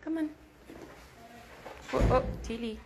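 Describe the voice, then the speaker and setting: Very high, slow cooing woman. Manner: sing-song, cooing at a pet. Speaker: vlogger. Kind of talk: casual home vlog talk. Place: home, indoors. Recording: noisy home video.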